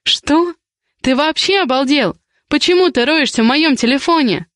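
A woman voicing a feisty young woman who snaps back with sharp, indignant retorts in an audiobook romance. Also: high voice, lively intonation, moderate pace, no room sound, clean studio sound, voice pushed up.

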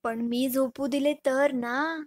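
A woman's voice: high voice, fairly even intonation, takes it slowly, darkish tone. Woman reading as a playful young husband. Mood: tender, hushed. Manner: teasing, fond. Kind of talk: storybook reading.

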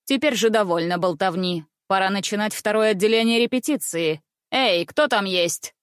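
A woman's voice: mid-range voice, moderate pace, clear, resonant tone, no room sound, clean studio sound, lightly acted. Woman voicing a jovial stout circus director. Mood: businesslike. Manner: laughing, genial, commanding.

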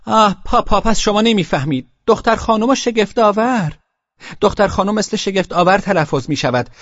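A man reading an audiobook, voicing two young girls who shout together in high, excited voices. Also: no echo. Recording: dull lo-fi sound.

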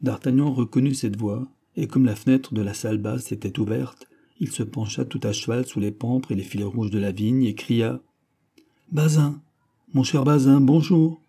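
Very dark-voiced male narrator. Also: on the low side, fairly even intonation, moderate pace, breathy edge. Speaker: audiobook narrator. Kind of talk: scripted narration.

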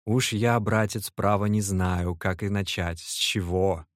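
A man voicing an excitable, effusive young male clerk in an audiobook, exclaiming emotionally. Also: lowish voice, measured pace, dry recording, clean studio sound, close to an everyday voice. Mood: excited.

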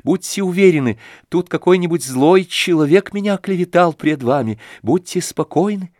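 A man voicing a timid, gentle young prince who stammers out pleading excuses. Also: sits high, lively intonation, moderate pace, no echo, studio quality, pitched above the performer's own voice. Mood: flustered.

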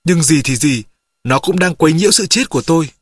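A man narrating an audiobook in the first person, in a measured storytelling manner. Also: fairly high pitch, lively intonation, husky, no echo, studio quality.

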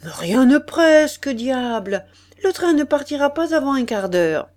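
Calm, unhurried gentleman, mildly surprised, voiced high and bright by a woman reader. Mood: breezy.

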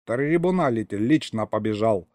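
A man's voice: on the low side, expressive, measured pace, dry recording. Man doing an older crewman, confiding. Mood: knowing. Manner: confiding, quiet. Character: older male crewman explaining things quietly.

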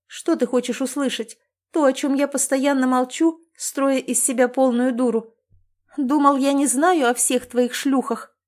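Woman performing: hysterical wife, sobbing and shrieking, pitched up and loud. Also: fairly even intonation, normal speed, lightly acted. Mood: hysterical, crying. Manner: shrill, tearful, screaming. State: crying.

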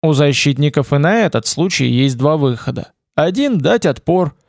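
A man reading the part of a calm, seasoned male wanderer-warrior, speaking in a cool, matter-of-fact way. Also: on the high side, normal speed, creaky, no echo, studio quality. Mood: coolly explaining. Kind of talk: audiobook character reading.

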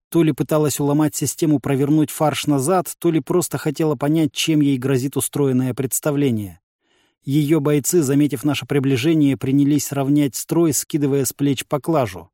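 A man reading a first-person fantasy audiobook in a lively storytelling manner. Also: fairly high pitch, no echo, clean studio sound. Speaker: audiobook reader.

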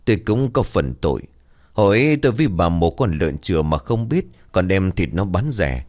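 A man's voice: low voice, sing-song, normal speed. A man voicing a remorseful older village man who speaks in a heavy, regretful way.

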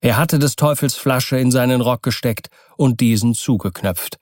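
A man narrating an audiobook in a measured storytelling style, close to the mic. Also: mid-range voice, no echo. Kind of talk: scripted narration.

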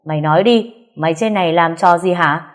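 A stern middle-aged father bellows and scolds in fury, as a woman narrator puts him on. The voice stays low and harsh. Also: brisk, natural voice. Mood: furious scolding. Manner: shouting, scolding.

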